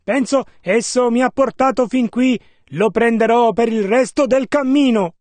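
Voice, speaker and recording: A man renders a preacher's sermon line by line in a steady, measured voice. His pitch is very high. The sound is dry and close, with no room around it. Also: no room sound. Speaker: interpreter. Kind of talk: sermon interpretation.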